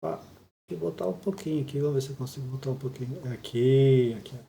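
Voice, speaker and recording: A man teaching Japanese in a patient, explanatory way, constantly checking in with his students. His voice is gravelly and dark. He sounds like he is in a room that echoes. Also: mid-range voice, fast. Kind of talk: explaining a listening lesson.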